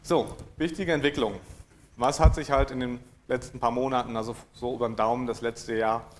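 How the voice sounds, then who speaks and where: A man from giving a technical conference talk, dry in manner, hesitant with many fillers and frequent throat clearing. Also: medium pitch, fairly even intonation, a little fast, slight background noise. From East Frisia, northern Germany. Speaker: conference speaker. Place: lecture room at a conference.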